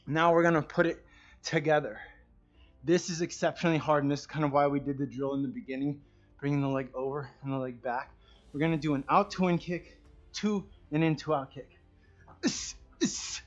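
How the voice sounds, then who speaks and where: A man teaching a martial arts kicking class, counting reps loudly and chatting and joking with students between sets. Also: fairly high pitch, dull audio. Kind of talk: leading a live kicking workout class.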